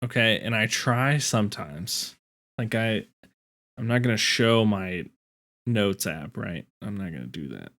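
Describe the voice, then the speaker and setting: A man's voice: lowish voice, lively intonation, a little slow, a bit bright. A man co-hosting a podcast in casual, informal back-and-forth banter. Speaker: podcast co-host.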